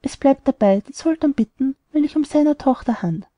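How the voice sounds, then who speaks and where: A woman's voice: high-pitched, animated, brisk, warm tone, no echo. A woman voicing a lovesick, stubborn young man in an audiobook, delivering rhymed verse earnestly. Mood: determined.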